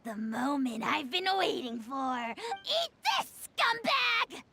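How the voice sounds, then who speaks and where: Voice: sits high, huge pitch swings, takes it slowly, creaky, over a noisy crowd, full character voice. A performer voicing a small, bratty, self-important dragon in a video game, haughty and taunting, with music behind. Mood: gleeful, aggressive. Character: small pompous bratty dragon creature, self-styled almighty lord. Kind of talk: video game character acting.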